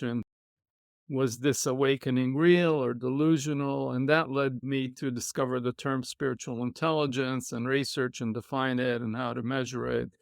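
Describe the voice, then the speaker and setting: A middle-aged man, a podcast guest telling his life story in a reflective, measured way. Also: medium pitch, vocal fry, no echo, studio quality. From Israel. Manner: reflective, measured, with soft laughs. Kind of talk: conversational storytelling.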